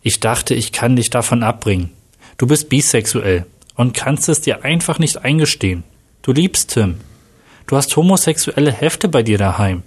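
A man reading the lines of a pushy, jealous young woman, in an urgent, insistent manner with a husky voice. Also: mid-range voice, lively intonation, moderate pace. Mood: pleading.

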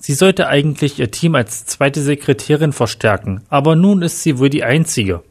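A man's voice: fairly high pitch, expressive, moderate pace, husky. A man voicing a stern male police superior with a pointed tone in a read-aloud story. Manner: pointed, insinuating.

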